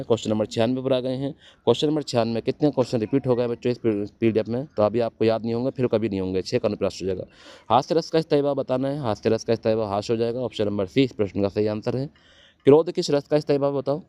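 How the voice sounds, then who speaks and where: Male coaching-class teacher, rattling through quiz answers at speed, warm and clear, dry slightly dull recording. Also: mid-range voice. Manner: quizzes students, answers own questions. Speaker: exam-prep teacher. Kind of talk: fast exam-prep lecture.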